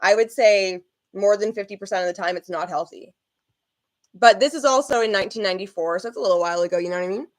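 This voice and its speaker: A woman's voice: mid-range voice, fast talker. A woman vlogger giving casual reaction commentary, candid and rambling, with frequent swearing.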